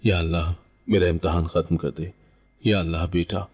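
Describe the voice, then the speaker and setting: A man's voice: low-pitched, level tone, normal speed, darkish tone, slightly rough, dull audio. A man voicing a desperate young wife who pleads and cries out. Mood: pleading. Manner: pleading, crying out.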